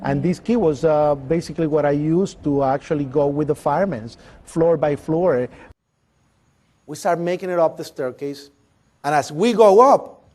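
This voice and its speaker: A middle-aged man, a former janitor, giving emotional eyewitness testimony and acting out the sounds and shouts he heard. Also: a little high. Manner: animated storytelling that acts out sounds and shouts. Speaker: former building janitor recounting his experience.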